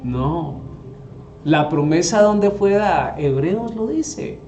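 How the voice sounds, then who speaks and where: A man's voice: fairly high pitch, lively intonation, slow, a little mellow, a little hiss or hum. A man, teaching the Bible to a group and often asking them rhetorical questions. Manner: asks the audience rhetorical questions. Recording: echoey room.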